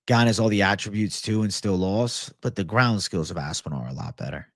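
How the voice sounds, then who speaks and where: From a home studio room lined with shelves, a young adult American MMA livestream host reads viewer messages into a desk microphone and chats easygoingly. His voice is on the low side and a bit bright, his delivery brisk, laid-back and slangy with plenty of bro. The sound is clean, studio-grade, with no echo.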